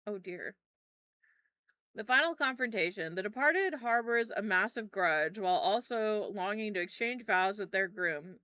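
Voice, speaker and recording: A woman playing a game and commenting as she goes, reading game text aloud in an expressive, reactive way with casual swearing. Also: medium pitch, a little slow, dry recording, studio quality. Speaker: game streamer. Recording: clearly noisy background.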